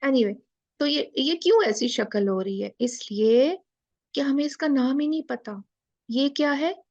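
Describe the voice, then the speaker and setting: A woman teaching Quran recitation in a live online class, slow and patient, stretching out letter sounds and mixing in English phrases. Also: high voice, darkish tone, no echo, lo-fi sound. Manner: mixes Hindi-Urdu with English phrases.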